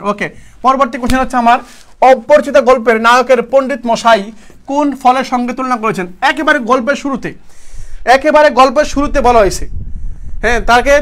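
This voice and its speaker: Running an online live class for university admission, a young male coach speaks in a voice pitched very high for a man, with a fairly bright tone. He keeps firing short, repeated questions at students, then answers them himself. Each point ends with motivating encouragement to keep trying.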